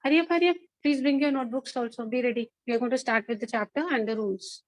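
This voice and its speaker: A woman's voice: on the high side, quick pace, no room sound, low-quality recording. A woman with an Indian accent, a school teacher instructing an online class, repeating herself and checking in with questions.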